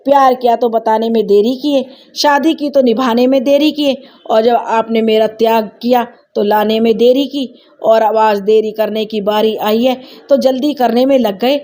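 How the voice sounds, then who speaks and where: A woman's voice: on the high side, fairly even intonation, moderate pace, mellow, natural voice. A woman voicing an elderly wife who is grieving and tearful, pleading and reproachful with her husband.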